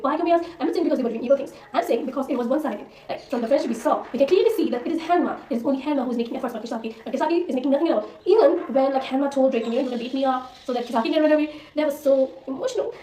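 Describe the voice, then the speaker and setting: A woman's voice: high-pitched, very fast, few pauses, dark tone, a little hiss or hum. A young woman chatting casually in a gushing, filler-heavy way, giving her opinions as a vlogger. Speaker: anime vlogger. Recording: roomy, a little far from the mic.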